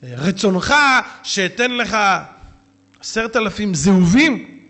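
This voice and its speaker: Brief: sly wheedling priest, put on by a preacher, high bright voice. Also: male voice, lively intonation. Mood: coaxing. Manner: wheedling, persuasive.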